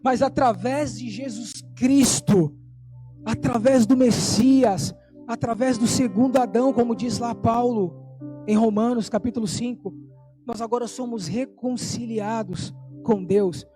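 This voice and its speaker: Fervent, mellow-voiced male preacher. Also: extremely high pitch, soft background music. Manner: fervent, emphatic, slows down for key points. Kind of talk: sermon with storytelling.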